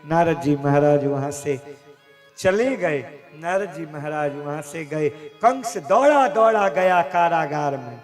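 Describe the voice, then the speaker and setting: A man telling a devotional story as a sermon, slowly and dramatically, acting out the dialogue. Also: on the high side, lively intonation, over music. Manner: slow, dramatic retelling with acted dialogue. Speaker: kathavachak, religious storyteller. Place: religious gathering, live event.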